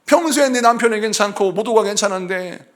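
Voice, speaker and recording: A middle-aged senior pastor preaching a revival-style sermon in a church, swinging between shouted lines and soft asides and joking with the congregation. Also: male voice, high voice, a little fast. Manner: jokes and laughs with the congregation. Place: church sanctuary.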